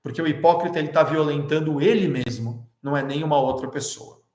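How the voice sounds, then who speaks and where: A man delivering a lively motivational talk, his voice sitting a bit high for a man. He keeps turning to the audience with rhetorical questions. The sound carries a noticeable room echo. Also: brisk. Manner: animated, addresses audience as "turma", rhetorical questions. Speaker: lecturer. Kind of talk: motivational lecture.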